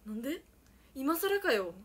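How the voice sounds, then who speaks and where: A young woman chatting casually on a livestream, playful and mock-dramatic, sometimes dropping to soft murmurs. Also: sits high, sing-song, measured pace. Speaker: idol livestreamer. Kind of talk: casual livestream chat with viewers.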